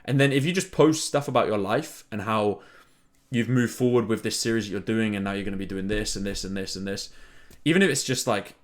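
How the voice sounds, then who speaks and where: A man's voice: fairly low pitch, fairly quick. A young man in casual chat as a content creator, rambling with lots of fillers.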